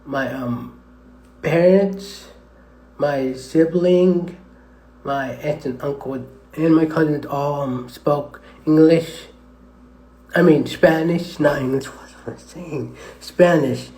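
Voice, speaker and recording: A man's voice: a little high, warm tone. Give me a hesitant man echoing in a tunnel. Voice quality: hesitant, halting with many fillers. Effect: echoing tunnel reverb, voice bouncing around. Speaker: live streamer. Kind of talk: rambling live stream chat. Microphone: tablet microphone. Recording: echoey tunnel sound.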